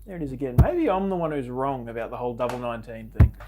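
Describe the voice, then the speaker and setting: A man's voice: medium pitch, animated, fast, loud music behind the voice. A man giving conversational live commentary on a darts match. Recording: loud background noise with clicks. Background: noisy darts venue.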